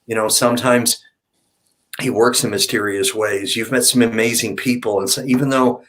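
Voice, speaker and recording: Measured, reassuring male host. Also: medium pitch, steady tone, fairly bright tone, rough recording. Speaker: host of an online support broadcast. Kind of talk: encouraging, faith-based talk to guests and viewers.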